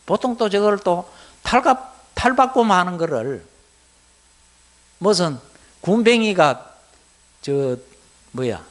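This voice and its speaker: A middle-aged man with a Gyeongsang accent giving a Buddhist lecture to lay students, keeping it animated by asking the class rhetorical questions. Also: high-pitched, slow pace, pauses often. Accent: Gyeongsang Korean.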